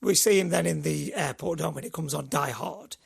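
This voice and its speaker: A man's voice: on the high side, a little fast, gravelly, slightly rough. A middle-aged man co-hosting a podcast, telling rambling stories in casual chat. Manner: chatty, rambling storyteller. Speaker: podcast co-host.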